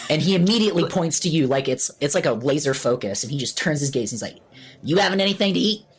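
A man narrating a tabletop game as game master, slow and hesitant with many fillers. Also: fairly high pitch, slight background noise.

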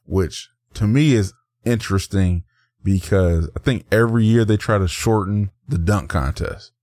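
A man's voice: fairly low pitch, normal speed, a little mellow, no echo, clean studio sound. A man co-hosting a podcast, chatting casually and animatedly, slipping into mock voices to tell stories. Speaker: podcast co-host. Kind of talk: casual chat.

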